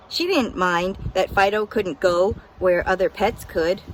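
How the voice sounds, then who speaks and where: A woman's voice: medium pitch, a little hiss or hum, rough recording. A woman narrating a children's picture book as a scripted story reading.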